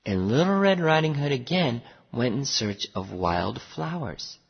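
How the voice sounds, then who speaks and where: A muffled recording with lengthy reverb captures an expressive storyteller carefully phrasing a fairy tale. The script is meant for English learners, and the husky, creaky voice moves across a broad range of pitch.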